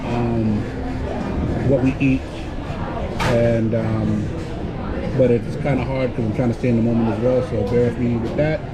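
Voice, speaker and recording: A man chatting informally to his viewers as a travel vlogger, halting and speaking in short phrases. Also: mid-range voice, level tone, over a noisy crowd. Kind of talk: casual vlog chat to viewers. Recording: very noisy on-location vlog audio.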